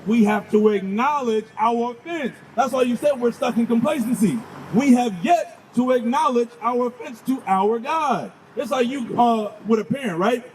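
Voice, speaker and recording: A man's voice: extremely high pitch, normal speed, few pauses, a little hiss or hum, low-quality recording. A man preaching on a city street, firing questions at his listeners and urging them on with 'come on'.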